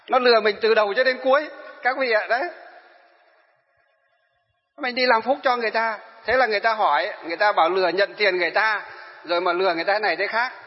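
A man's voice: high voice, breathy edge. A man, a Buddhist monk telling a story in a sermon and asking his listeners questions. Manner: animated, addresses listeners with questions. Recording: dull reverberant hall.

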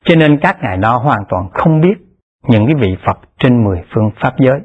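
A man delivers a Pure Land Buddhist dharma talk, husky and unhurried. He keeps a steady, repetitive teaching cadence, his voice lifting to stress key terms. The recording is thin and tinny, like a phone line. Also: mid-range voice.

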